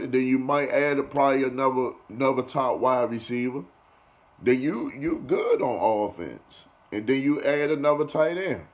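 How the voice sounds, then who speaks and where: A young man running a casual sports commentary vlog, talking loosely and repeating himself with "you feel me" and "you know". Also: mid-range voice. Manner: loose and conversational, repeats phrases, keeps saying "you feel me". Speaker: sports vlogger.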